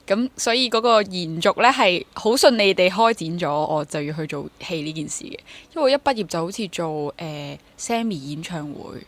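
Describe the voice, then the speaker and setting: A stage actor in her twenties with a Hong Kong Cantonese accent talks candidly and self-deprecatingly as a guest in a casual interview. Her voice is lowish and animated, her pace moderate, with few pauses.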